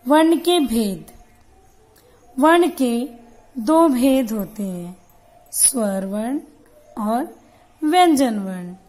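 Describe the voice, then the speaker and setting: A woman teacher giving a slow grammar lesson, naming letters one by one in a careful, deliberate way. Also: fairly high pitch, animated, darkish tone, poor audio.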